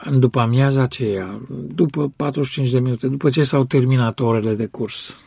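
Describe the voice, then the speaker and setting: A man with a gravelly, slightly husky voice interprets a testimony phrase by phrase, earnest and with small hesitations. His voice sits in the middle range, and the sound is dry and close. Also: medium pitch, mellow, no room sound.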